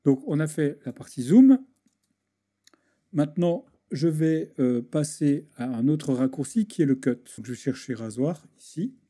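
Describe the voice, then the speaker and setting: A man with a somewhat high but very dark, mellow voice narrates a screen-recorded tutorial. He hesitates often, repeats words and restarts sentences while working in the program. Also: lively intonation, unhurried. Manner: hesitant, many restarts and fillers, talks while clicking. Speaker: video editing tutor.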